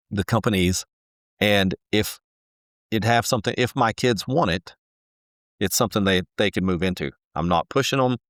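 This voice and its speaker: A man in his forties with a deep voice answers questions in an earnest, halting way, restarting sentences as he goes. The sound is dry and close, with no room behind him. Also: fairly bright tone, no echo. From Texas. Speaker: home builder, guest. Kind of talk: casual interview answers.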